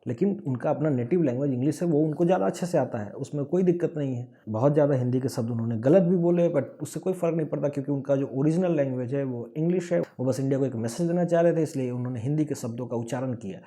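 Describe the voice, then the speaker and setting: A man's voice: medium pitch, quick pace, hardly any pauses, mellow. A man from Bihar with a Bihari accent, giving an earnest explanatory talk point by point. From Bihar, India. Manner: earnest, points listed one by one. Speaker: speaker of a language-awareness movement.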